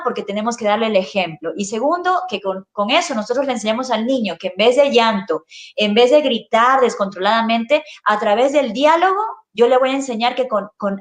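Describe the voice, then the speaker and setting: A woman, a child neuropsychologist, patiently explaining parenting in an interview and adding little checking questions. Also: on the high side. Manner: patient, explains with rhetorical tags. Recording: echoey room.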